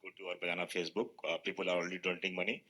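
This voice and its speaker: Rapid, forceful man with Indian accent. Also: low voice, little pitch movement. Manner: informal, slips into Hindi, ends points with "right?". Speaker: guest panelist, fundraiser organiser. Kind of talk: casual explanation on a talk show.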